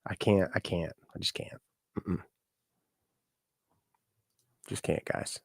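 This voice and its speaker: A man's voice: sits low, steady tone, slow, creaky, a little mellow, breathy edge, dry recording, studio quality. A man chatting casually to his vlog audience, rambling and self-deprecating. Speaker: musician and content creator.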